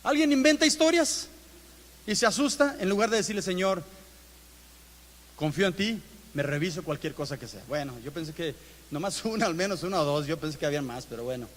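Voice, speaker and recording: A man's voice: a little high, lively intonation, fairly quick, a little hiss or hum. A Mexican man preaching a conversational sermon, asking his congregation questions and acting out everyday inner dialogue. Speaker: pastor. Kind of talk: interactive sermon. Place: church auditorium. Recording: long church hall reverb.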